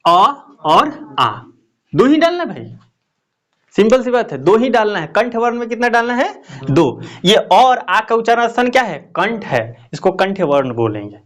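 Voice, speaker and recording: A man's voice: high voice, sing-song, moderate pace, few pauses, fairly bright tone. A male teacher giving a classroom lesson, often asking questions and repeating the answers.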